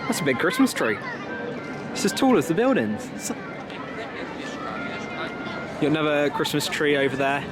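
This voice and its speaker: Walking through a crowded theme park with his camera at arm's length, a young British man vlogs his travels with chatty, improvised observations. His voice is fairly high with big pitch swings, at a moderate pace with frequent pauses, over loud music, crowd chatter and heavy ambient noise.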